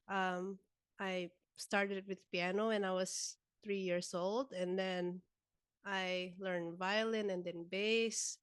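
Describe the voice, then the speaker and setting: A woman's voice: medium pitch, clean tone, no echo, studio quality. A young woman, a guest musician chatting casually in an interview, with many filler words. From Indonesia.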